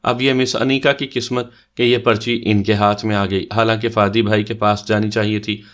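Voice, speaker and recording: A man's voice: lowish voice, little pitch movement, lightly acted. A man voicing a mischievous young man who leads a party game and teases his sister, in a bantering tone. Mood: teasing. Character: teasing playful young man, game leader.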